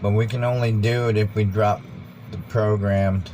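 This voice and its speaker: An American man giving an informal, rambling monologue, earnest and deliberate, repeating phrases for emphasis. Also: flat delivery, warm tone, poor audio. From United States. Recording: background noise with vehicle rumble.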